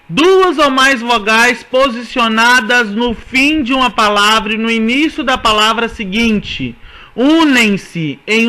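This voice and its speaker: Male teacher, Brazilian accent, bright and sharp tone, patient step-by-step explainer. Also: high-pitched. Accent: Brazilian Portuguese. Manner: explanatory, repeats "certo?" to check understanding. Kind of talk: classroom lesson on poetry.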